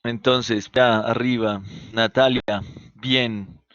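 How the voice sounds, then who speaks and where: A man's voice: mid-range voice, fairly even intonation, slow pace, fairly bright tone, no echo, muffled recording. A man teaching an online chemistry class, patiently asking his students questions and then answering them himself. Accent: Colombian Spanish. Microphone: computer mic on a video call.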